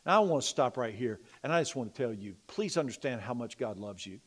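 A middle-aged male pastor preaching a sermon in a church. He moves between loud, emphatic preaching and quiet, confiding personal stories. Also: mid-range voice, animated, brisk. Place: church sanctuary.

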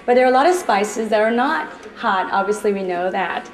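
A Trinidadian chef in her thirties runs a live cooking demo in a department store's demo kitchen, chatty, upbeat and joking with the crowd. Her medium-pitched voice is expressive and a little fast. Soft music plays behind her, and the store floor echoes.

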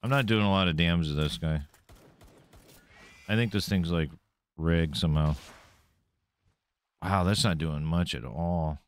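A man's voice: low-pitched, measured pace, long pauses, smooth. A man streaming a game live, commenting casually, swearing freely and taunting the enemies he fights.

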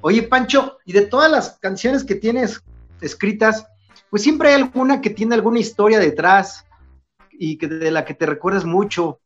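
A man's voice: high-pitched, normal speed. A man hosting an interview, asking friendly, chatty questions with many restarts. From Mexico. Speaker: interview host. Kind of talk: casual interview. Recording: dull lo-fi sound with faint music.

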